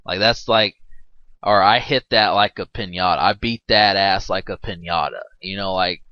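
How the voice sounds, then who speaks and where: A man's voice: low voice, fairly even intonation, normal speed, clear, resonant tone, no room sound. A man giving casual, rambling movie commentary, full of fillers and jokes. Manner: rambling, filler-heavy, joking with frequent laughs. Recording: dull, dry lo-fi mic.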